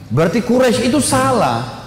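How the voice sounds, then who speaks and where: A man's voice: very high-pitched, sing-song, moderate pace, pitched above the performer's own voice, full character voice. A man preaching, voicing a fierce and blunt strongman who becomes an eager believer. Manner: blunt, demanding. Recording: echoey hall, faint noise.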